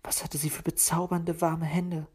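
A timid, kind-hearted little male elf from a storybook, played by a woman. He speaks softly and pleads rather than demands, his voice a touch lower and lighter than a brute's. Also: level tone, moderate pace, slightly rough. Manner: soft, pleading.

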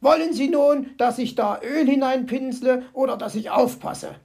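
Brief: a woman playing a grouchy fox gentleman, dry sarcasm, gravelly grumbles. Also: sits high, normal speed, voice pushed up. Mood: grumbling. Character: grumpy, sardonic old male fox.

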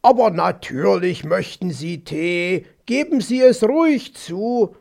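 A man's voice: high-pitched, animated, takes it slowly, gravelly, darkish tone, heavily acted. A man voicing a smug, overly solicitous male fox who talks in a soothing, patronizing way. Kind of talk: audiobook character voice.

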